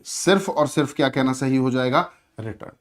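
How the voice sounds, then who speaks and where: A man's voice: medium pitch, moderate pace. A man teaching English grammar for exams. He asks his own questions, answers them step by step, and calls his students friends. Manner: addresses students as friends and brother. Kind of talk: exam-prep grammar lesson.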